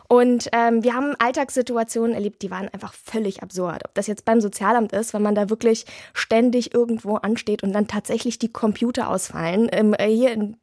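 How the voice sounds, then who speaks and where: A woman's voice: a little high, steady tone, fairly quick, few pauses, a little mellow, dry recording, clean studio sound. A woman author answering interview questions in a candid, chatty way with many fillers and restarts.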